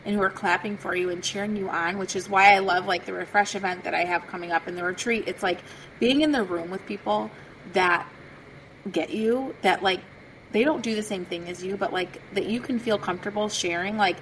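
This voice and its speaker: A woman hosting a podcast, talking casually and warmly in a chatty way full of fillers. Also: mid-range voice, fairly quick, a little hiss or hum, low-quality recording. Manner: chatty, peppered with "like". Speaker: podcast host.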